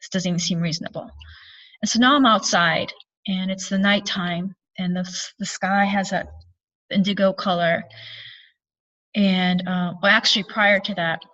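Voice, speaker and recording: A woman's voice: mid-range voice, steady tone, normal speed, a bit bright. A woman recounting a spiritual experience in an earnest, meandering way, often correcting herself. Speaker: spiritual channeler and speaker. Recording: distant, dull lo-fi sound.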